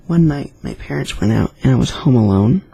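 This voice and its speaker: A man's voice: medium pitch, animated, fairly quick, gravelly, mellow, slightly rough, no room sound. A man casually reading scary stories aloud, with chatty, rambling asides between them. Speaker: YouTube storyteller.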